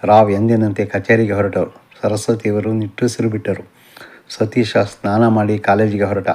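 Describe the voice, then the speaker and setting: A man who wrote the novel narrating it as an audiobook in a measured, steady reading. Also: on the low side. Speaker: author and narrator.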